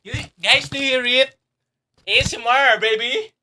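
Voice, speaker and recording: A man with a Filipino accent, chatting excitedly on a livestream while unboxing, often yelping and shouting. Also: very high voice, normal speed, noisy background. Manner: excitable, yelps and shouts, switches between English and Tagalog. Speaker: streamer.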